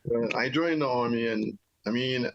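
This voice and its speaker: With the highs cut off and slight background noise, a mid-range male voice speaks at normal speed: a middle-aged Jamaican army veteran recounting his story in a casual interview. He rambles in a relaxed way, leaning on "you know" often.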